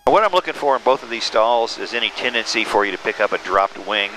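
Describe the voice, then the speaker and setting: A man giving calm, step-by-step instructions as a flight examiner, talking over a pilot headset inside a small airplane. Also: fairly low pitch, fast talker. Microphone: aviation headset. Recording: aircraft cockpit intercom with engine noise.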